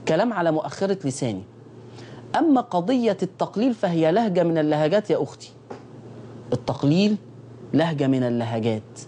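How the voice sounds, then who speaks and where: A middle-aged Egyptian man with an Arabic accent teaches Quran recitation on television, repeating key phrases and slowly sounding out letters for viewers to copy. His warm voice is a little high with big pitch swings, over a little hiss or hum.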